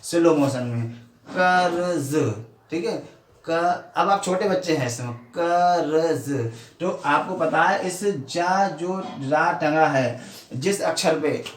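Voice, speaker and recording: A male teacher giving a grammar lesson, explaining slowly and repeating points, often asking his pupils questions and mixing into his speech. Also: fairly high pitch. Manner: slow, repetitive explaining with frequent questions to pupils. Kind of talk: classroom-style grammar lesson. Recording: echoey room, mic at a distance, faint noise.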